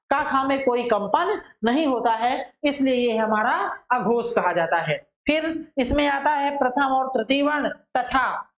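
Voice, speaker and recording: A woman teacher giving a methodical lesson. She asks questions and answers them herself, and she draws syllables out slowly to demonstrate them. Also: sits high, echoey room, low-quality recording. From India. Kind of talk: classroom-style lesson.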